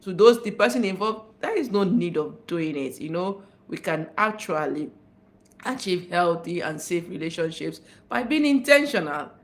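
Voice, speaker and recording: A woman giving relationship advice as a life coach on a livestream, talking in an animated, emphatic way and repeating her key points. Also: lowish voice, normal speed. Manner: animated, dramatizing, emphatic repetition.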